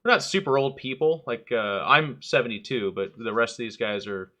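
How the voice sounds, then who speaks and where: A man's voice: mid-range voice, moderate pace, pushed and bright. A man hosting a casual podcast chat, joking and rambling loosely as he introduces the talk. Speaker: podcast host.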